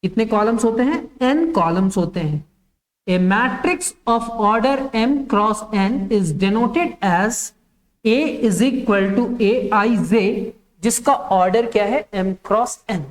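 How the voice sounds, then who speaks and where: A woman's voice: mid-range voice, drawn-out words. A woman teaching a maths lesson. She dictates step by step, asks the class questions and answers them herself, and repeats the key terms.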